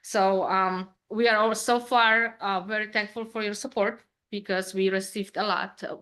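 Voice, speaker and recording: A woman's voice: medium pitch, steady tone, moderate pace, pushed and bright. A woman from Poland with a Polish accent, speaking English informally with frequent fillers as a restaurant owner addressing a town council. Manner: informal non-native English, hesitant fillers. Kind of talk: public comment at a meeting.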